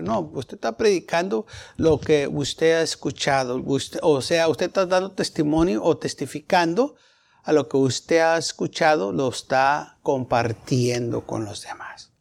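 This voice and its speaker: A man's voice: fairly high pitch, vocal fry. A man preaching a sermon, telling a personal story and acting out the dialogue. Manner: storytelling, acts out dialogue in changing voices. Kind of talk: testimony sermon.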